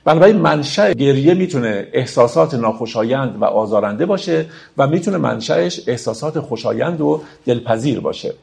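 Male lecturer with a gravelly voice, explaining poetry to his audience. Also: mid-range voice, expressive, darkish tone. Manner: explanatory, addresses listeners as friends, recites verses.

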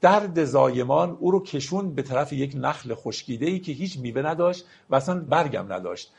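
A man teaching classical poetry, reciting verses slowly and explaining them plainly, sometimes asking his listeners questions. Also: fairly high pitch, lively intonation, vocal fry, a little mellow, slightly rough.

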